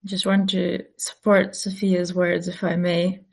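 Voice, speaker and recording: Slow, flat-voiced woman searching for words. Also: lowish voice, gravelly, husky. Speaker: invited speaker, activist. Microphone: video call.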